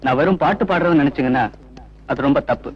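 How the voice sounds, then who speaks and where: An actor playing a cocky young stage singer who fights, speaking with cool, teasing confidence in a film. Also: male voice, on the high side, quick pace, husky. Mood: commanding. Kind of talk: 1990s film acting. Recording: dull film soundtrack with faint noise.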